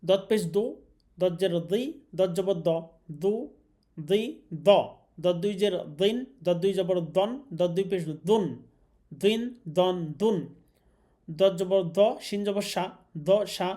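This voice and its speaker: Brief: male Quran-reading teacher, Bangladeshi Bengali accent, high, soft tone, slow drawn-out letter drills. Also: fairly even intonation. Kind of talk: online class lesson.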